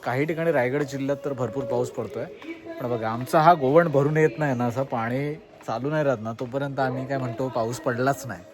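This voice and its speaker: A man's voice: medium pitch, a little fast. Chatty village vlogger man. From Konkan, Maharashtra. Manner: chatty, addresses viewers as a group, asks them to comment. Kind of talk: casual vlog narration.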